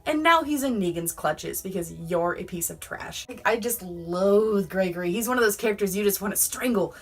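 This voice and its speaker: A woman's voice: medium pitch, lively intonation, moderate pace. A woman casually recapping and reviewing a TV episode for her channel, enthusiastic and laughing often. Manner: enthusiastic, laughs often, quotes characters in passing. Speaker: YouTube TV reviewer.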